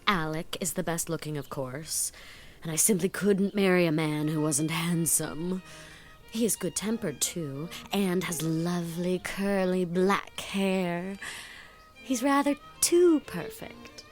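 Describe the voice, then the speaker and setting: A woman takes the role of a fun-loving, giddy, flighty eighteen-year-old girl in a dramatized audiobook, chatty, gushing and theatrical in a playful way. She speaks slowly in a lowish, darkish voice, with soft music playing underneath.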